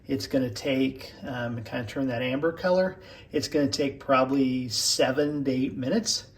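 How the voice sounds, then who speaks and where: At the stove in a home kitchen, a Western Kansas man in his forties with a matching accent hosts his DIY cooking channel. He demonstrates casual home cooking in a mid-range voice at a moderate pace, explaining things in a folksy, rambling way, and the kitchen audio sounds roomy and distant.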